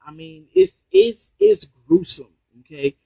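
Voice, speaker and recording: With a very high, gravelly, mellow voice that swings wildly in pitch, a New Jersey man speaks a little slowly over a dry recording with the highs cut off. He's an online business trainer on a casual live stream through a Bluetooth headset, rambling motivationally and restarting phrases.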